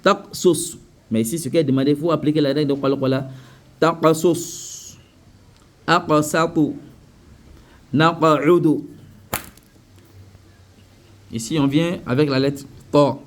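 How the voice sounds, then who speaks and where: A man teaching Quran recitation rules in French, repeating each word slowly and often checking that students follow. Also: medium pitch, fairly even intonation, darkish tone. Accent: West African French. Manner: repetitive, drills pronunciations slowly, often checks understanding. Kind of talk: tajweed lesson.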